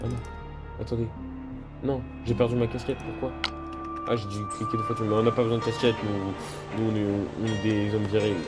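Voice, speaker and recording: A man's voice: on the low side, fairly quick. A man playing a video game and commentating casually, joking and talking to viewers and characters. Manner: jokey, excitable, talks to viewers and game characters. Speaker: gaming video host. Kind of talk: casual let's-play commentary. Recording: loud game music behind.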